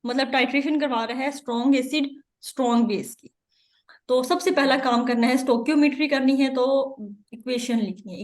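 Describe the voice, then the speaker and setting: Woman, chemistry teacher, high pitch, exam-prep lecture, step-by-step, repeats terms. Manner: explains step by step, repeats key terms, mixes in English terms.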